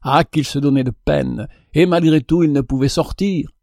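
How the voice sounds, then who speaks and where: A man narrating a fable in an expressive, measured reading. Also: a little high, creaky, no room sound, studio quality. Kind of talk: storybook narration.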